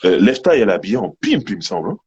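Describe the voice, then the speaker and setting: A man co-hosting a casual music chat, relaxed and telling anecdotes. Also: fairly low pitch, rapid-fire, highs cut off. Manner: relaxed, anecdotal, laid-back. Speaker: podcast co-host.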